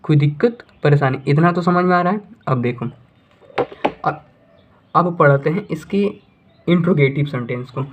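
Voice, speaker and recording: A man's voice: a little high, noisy background. A man whose first language is Hindi, teaching beginner English grammar and repeating points, asking questions and then answering them himself. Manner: repetitive, asks and answers his own questions; slows down to dictate English sentences. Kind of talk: classroom-style lesson for beginners. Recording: tinny phone-like audio.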